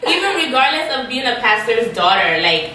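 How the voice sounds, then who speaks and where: A woman's voice: fairly high pitch, big pitch swings, brisk, pushed and bright, slight background noise. A young adult woman talking a lot and with emphasis in a casual group chat, with many fillers. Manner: talkative and emphatic, full of fillers. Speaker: guest. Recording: echoey room from a distant mic.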